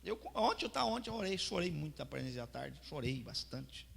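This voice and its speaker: Gravelly fervent pastor preaching. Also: male voice, a little high, very animated, a little fast. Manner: fervent storytelling, swinging from soft to loud preaching. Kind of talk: sermon with personal testimony. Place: church hall. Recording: reverberant church hall.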